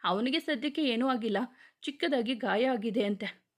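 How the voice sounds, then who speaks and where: A woman's voice: fairly high pitch, moderate pace, close to an everyday voice. A woman voicing a pleading young wife. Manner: pleading, emotional, argumentative.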